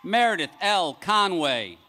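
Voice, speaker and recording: Slow, bright-voiced man reading graduate names. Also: sits high, big pitch swings, some chatter behind. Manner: measured, announcing each name with a rising then falling cadence. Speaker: commencement name reader. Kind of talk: formal ceremonial name reading. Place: large outdoor graduation ceremony.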